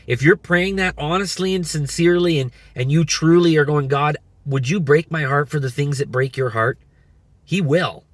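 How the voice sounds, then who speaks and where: A man in his thirties giving an earnest, halting faith testimony, often restarting his sentences and encouraging listeners to pray. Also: fairly high pitch, no echo. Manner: earnest, repetitive, many restarts. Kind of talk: personal testimony and exhortation.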